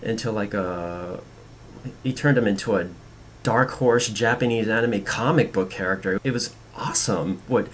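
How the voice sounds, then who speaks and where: A man hosting a film commentary show, talking casually and earnestly with strong opinions in a halting, rambling way. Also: on the low side, a little hiss or hum.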